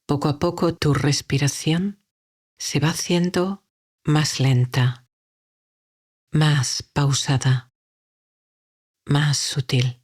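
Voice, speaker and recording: A woman with a deep, low voice leads a guided meditation. She speaks very slowly and softly, leaving long calm pauses between her phrases. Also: husky.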